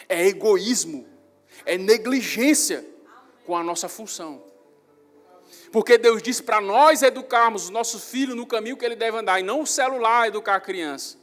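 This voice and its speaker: A young man with a Northeastern Brazilian accent preaches a sermon, telling stories with animated energy and getting loud on key points. His voice sits high for a man. A long church reverb trails his words over faint background music. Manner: animated storytelling, rising loud on emphasis. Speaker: pastor. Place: church hall.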